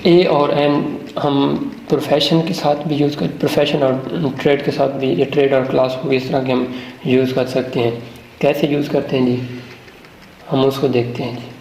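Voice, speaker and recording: A man's voice: mid-range voice, little pitch movement, darkish tone, slight background noise. A man teaching English grammar in Urdu, who asks questions and answers them himself. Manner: explains, then poses questions to the viewer and answers them himself; reads English example sentences slowly and deliberately. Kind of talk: classroom-style grammar lesson. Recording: roomy, echoey room.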